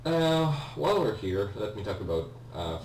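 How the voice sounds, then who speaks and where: His lowish voice is sing-song and darkish at a normal speed as this video game host casually comments on play. He rambles and hesitates with frequent self-corrections, recorded through a distant mic in a roomy space with a faint hum.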